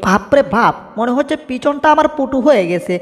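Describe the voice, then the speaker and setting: A woman plays a soft-hearted cartoon cat who whines and frets. The voice is high. It echoes with a long reverb tail. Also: lively intonation, brisk. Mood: fretful. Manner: whiny, fretful, cries out in alarm. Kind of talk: homemade cartoon dub.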